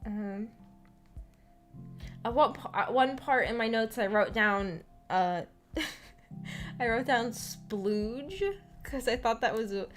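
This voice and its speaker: A high-voiced American woman hosts a visual novel book club stream, chatting casually with viewers about a story over background music. She's giggly, with a fairly bright tone, and talks slowly with frequent pauses.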